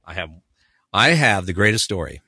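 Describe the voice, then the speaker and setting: A man who voices characters, telling animated anecdotes and acting out other people's voices. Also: moderate pace, breathy edge, no room sound, studio quality. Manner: acts out other people's voices with big pitch jumps. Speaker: voice actor guest.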